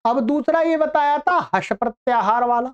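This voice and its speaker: A woman teaching Sanskrit grammar online, explaining patiently step by step and drawing out example words slowly. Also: high voice, smooth. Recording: dull lo-fi recording.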